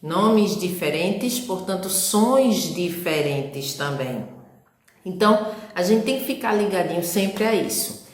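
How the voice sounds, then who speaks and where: A woman with a Brazilian Portuguese accent teaches young children in a recorded lesson. She speaks very slowly and patiently, with a lowish voice. She spells out each sound, and an echoey room rings around her. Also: lively intonation.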